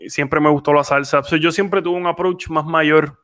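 With a slightly high, somewhat bright voice, fairly even intonation and a moderate pace, this man in his twenties hosts a podcast. He's from Puerto Rico, has a Puerto Rican Spanish accent, and rambles casually, often restarting and using fillers.

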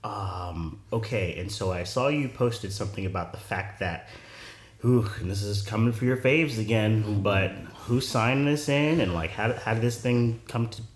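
A man hosting a podcast, playful and animated, quick to react with surprise. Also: on the low side, reverberant. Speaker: podcast co-host. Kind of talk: casual chat.

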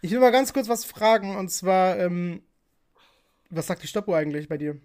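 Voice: mid-range voice, animated, moderate pace, darkish tone. A podcast host and streamer in casual chat, rambling with many fillers and laughing often.

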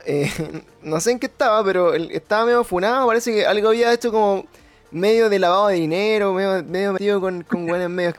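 Fast-talking high-voiced Chilean man. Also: no room sound. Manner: rambling, slangy, frequent restarts. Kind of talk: casual chat.

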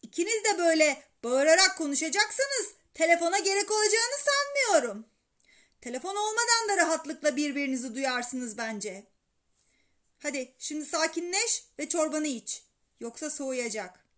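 A woman's voice: high voice, very animated, moderate pace, a bit bright. A woman voicing an exasperated father who scolds his son at the dinner table in a children's story reading. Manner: stern and exasperated.

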